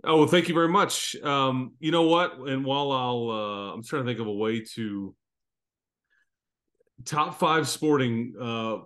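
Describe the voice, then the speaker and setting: A man's voice: medium pitch, unhurried, a bit bright. Rambling man in his fifties reminiscing. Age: 50s. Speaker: podcast host. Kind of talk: casual sports podcast chat.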